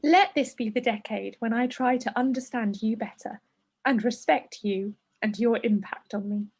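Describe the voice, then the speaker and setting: A woman co-hosting a podcast, her voice slightly husky and pitched a little high. She talks casually and reads a listener's heartfelt letter aloud over a video call, laughing through tears as she goes. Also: moderate pace, a little mellow. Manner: emotional, laughing through tears while reading. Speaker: podcast co-host.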